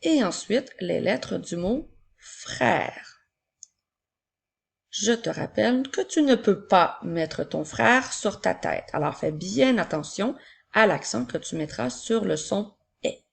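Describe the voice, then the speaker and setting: Slow, gravelly-voiced woman teacher dictating. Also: medium pitch, lively intonation. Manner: slow, clear dictation, repeating each word. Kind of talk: spelling and dictation lesson for young children.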